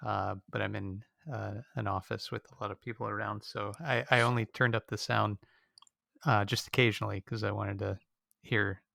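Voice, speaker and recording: Guy cohosting a podcast, kinda low and raspy, lots of uhs, dry mic. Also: little pitch movement, moderate pace, pushed and bright, no echo. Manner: hesitant, lots of "uh". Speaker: podcast co-host. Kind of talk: casual interview questions.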